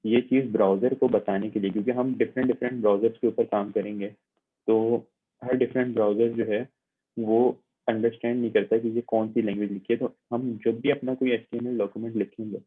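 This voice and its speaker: A man's voice: on the low side, steady tone, brisk, slightly rough. A man teaching a computing lab online, explaining step by step as he demonstrates on screen and checking in often with his students. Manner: patient, repetitive explaining with frequent check-ins. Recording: tinny, phone-like narrow sound.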